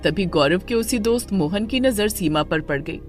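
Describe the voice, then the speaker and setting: A woman narrating an animated family story in a scripted, expressive way. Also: medium pitch, moderate pace, soft background music.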